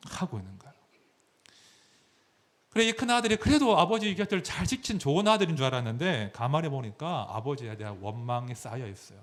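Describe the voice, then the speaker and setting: A male pastor giving a sermon, his voice fairly high and full of lively rises and falls. He walks the congregation through scripture, often acting out the speakers. The delivery is engaging and explanatory. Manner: animated, explanatory, dramatizes scripture.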